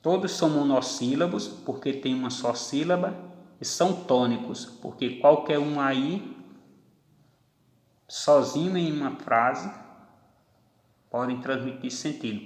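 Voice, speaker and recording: A man teaching a grammar lesson, speaking slowly and deliberately and stretching out each example word. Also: mid-range voice. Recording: echoey room with long reverb.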